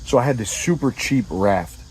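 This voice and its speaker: Man, casual comedic storyteller, mid-pitched voice, animated, swears freely, throws in sound effects. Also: moderate pace, slight background noise, rough recording. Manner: animated, profane, acts out scenes with sound effects.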